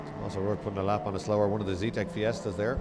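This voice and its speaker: A man's voice: fairly low pitch, flat delivery, very fast. A man giving live motorsport commentary, tracking race positions with hesitant, self-correcting asides. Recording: loud car engine and trackside noise. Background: racing cars and outdoor track noise.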